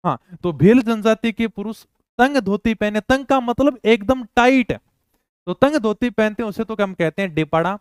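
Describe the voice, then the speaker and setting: A man's voice: high voice, smooth, no room sound, clean studio sound. A male teacher giving an exam-prep lecture. He repeats each term several times and asks and answers his own questions.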